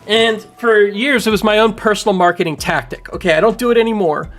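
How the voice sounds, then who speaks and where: A man in his thirties doing casual livestream commentary from home on a boom mic, rambling and animated, full of fillers. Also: brisk, soft background music. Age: 30s. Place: home room. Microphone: studio mic on boom arm.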